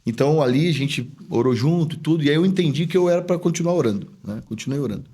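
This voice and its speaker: A man's voice: a little high, expressive, fast, dark tone, husky. A man who is a pastor and business owner, telling a personal story as a podcast guest in a chatty, earnest way and acting out remembered dialogue. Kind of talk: casual storytelling in a podcast interview.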